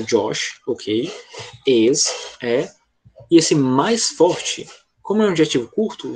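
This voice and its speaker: A man's voice: medium pitch, darkish tone, a little hiss or hum. A man with a Brazilian Portuguese accent, an English teacher explaining grammar step by step in an online class, often checking whether his student follows.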